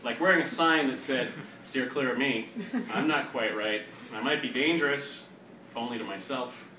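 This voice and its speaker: A poet co-hosting a reading series speaks at medium pitch and normal speed, his tone bright and forceful. With a wry, self-deprecating manner, he hosts and reads to a live audience. The echoey room, distant mic and noisy crowd are all audible.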